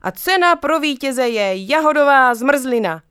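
A woman's voice: high voice, animated, a bit bright, clean tone, dry recording, studio quality, pitched above the performer's own voice. Woman doing a playful cheerful mother. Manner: playful, teasing.

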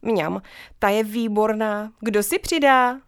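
A woman's voice: mid-range voice, smooth, no echo, studio quality, close to an everyday voice. A woman voicing a playful, cheerful mother who teases her children. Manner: playful, teasing.

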